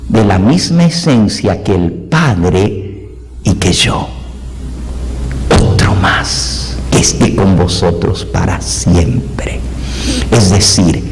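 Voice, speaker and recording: A man's voice: lowish voice, a little mellow, slight background noise. A male pastor preaching a sermon, explaining point by point with repeated everyday examples. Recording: long reverb of a hall.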